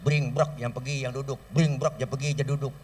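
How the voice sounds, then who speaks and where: A man with a Betawi accent giving a comic sermon from a stage, telling stories lively and mimicking sounds and voices. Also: mid-range voice, brisk, far from the mic. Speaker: preacher. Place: stage at an outdoor school celebration. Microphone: stage microphone through a sound system.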